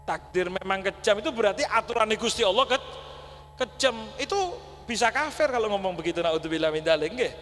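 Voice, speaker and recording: A man's voice: sits high, lively intonation, fairly quick, fairly bright tone. A man preaching a folksy sermon, often turning to the audience and slipping in words. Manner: folksy, addresses audience as Pak, mixes Javanese words. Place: large mosque. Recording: long hall reverb, faint hum.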